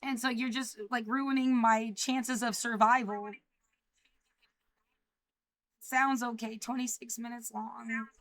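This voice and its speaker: A woman in her thirties speaking in a livestreamed personal monologue, anxious and rambling, halting with frequent restarts. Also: a little high, little pitch movement, fairly bright tone, no room sound. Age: 30s.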